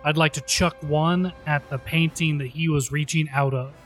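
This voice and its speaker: A man with a fairly high voice plays a tabletop game, talking casually through his moves and dice rolls. Music sits behind his voice. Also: fairly even intonation, normal speed, fairly bright tone.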